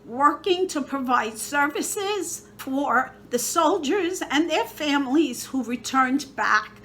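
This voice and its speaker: A woman giving a steady, earnest scripted personal statement. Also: sits high, slow pace, slight background noise.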